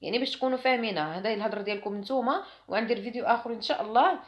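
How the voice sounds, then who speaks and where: A woman with a Moroccan accent teaching French classroom phrases, explaining in Arabic and saying the French phrases slowly and carefully. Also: on the high side, expressive.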